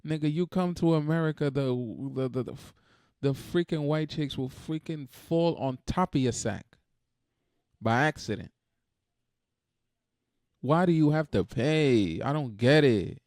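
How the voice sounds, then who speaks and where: A man's voice: fairly high pitch, a little slow, long pauses, darkish tone, no echo, clean studio sound. A man hosting a reaction video, talking in a blunt, profane, exasperated casual rant.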